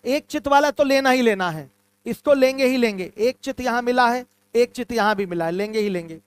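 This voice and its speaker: A man's voice: extremely high pitch, a little fast, clean tone, dry recording. A male math teacher giving an online class, patiently repeating key terms and calling his students "my children".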